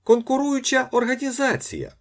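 A man voicing a brash young male swindler who shouts and jeers at someone he is chasing. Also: on the low side, sing-song, normal speed, slightly rough, exaggerated voice. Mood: mocking. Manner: loud, jeering shouts.

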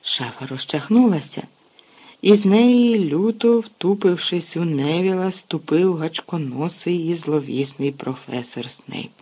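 Husky, expressive audiobook narrator. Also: medium pitch, unhurried. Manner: lively, expressive storytelling with sharp shifts in loudness. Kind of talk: audiobook reading.

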